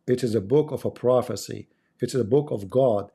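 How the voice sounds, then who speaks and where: A Middle Eastern livestream host whose first language is Arabic delivers an impassioned religious monologue in Arabic-accented English. His mid-range voice is creaky, mellow, and slightly rough at a moderate pace. He preaches emphatically, repeating phrases for effect.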